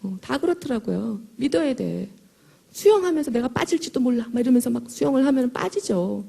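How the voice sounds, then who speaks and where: A middle-aged woman speaks to a crowd in a big hall, her slightly hoarse voice gravelly and husky. She talks in a chatty, emphatic way, joking with the audience. The tone sits on the higher side yet sounds mellow and dark. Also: sing-song, a little fast. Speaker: motivational speaker at a sales event. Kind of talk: motivational talk to an audience. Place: large hall before a live audience.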